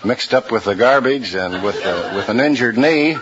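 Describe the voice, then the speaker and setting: An American man in his fifties answering as a quiz show contestant in a halting, plain-spoken way. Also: mid-range voice, expressive. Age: 50s. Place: radio studio with audience. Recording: dull old radio recording, clear noise.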